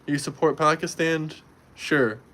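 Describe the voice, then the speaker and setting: A young American man from Florida hosts a livestream indoors in Montenegro, chatting off the cuff and reading viewer comments. His voice is a little high for a man, steady, slightly bright, and a bit slow. Loose and unscripted, he wanders and repeats himself while answering viewers.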